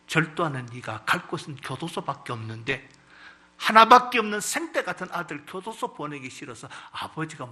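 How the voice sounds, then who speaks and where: A man's voice: fairly high pitch, bright, forceful tone, heavily acted. A man voicing a sorrowful mother who earnestly pleads with her son.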